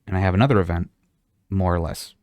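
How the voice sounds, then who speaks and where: A man's voice: low voice, fast, a little mellow, dry recording. A man running a tabletop game as game master, talking casually with a rambling manner. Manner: casual, rambling, lots of fillers.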